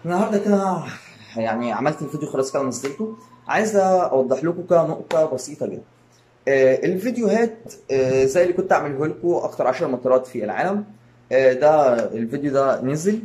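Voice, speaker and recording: A man's voice: a little high, expressive, fast talker, a little mellow, slight background noise. A man with an Egyptian Arabic accent, hosting his own channel and talking to his viewers in a rambling way, with many fillers and restarts. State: tired. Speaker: YouTube channel host. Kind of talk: casual channel update to viewers.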